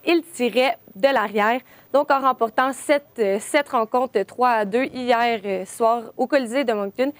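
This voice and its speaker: A young woman giving a sports news report, halting often with filler sounds. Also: fairly high pitch, no room sound.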